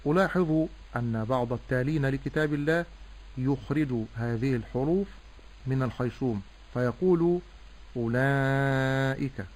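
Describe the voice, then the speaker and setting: A man teaching correct Quran recitation, explaining pronunciation slowly and drawing out vowels to demonstrate. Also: medium pitch, darkish tone, poor audio. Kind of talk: tajweed lesson with recitation.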